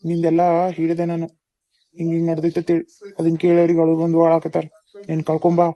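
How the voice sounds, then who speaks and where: Cartoon older brother, kind and protective, North Karnataka accent, monotone, dry sound; male actor. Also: fairly high pitch, a little fast, no echo, dull audio, close to an everyday voice. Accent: North Karnataka Kannada. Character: young man, caring older brother. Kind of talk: cartoon voice acting.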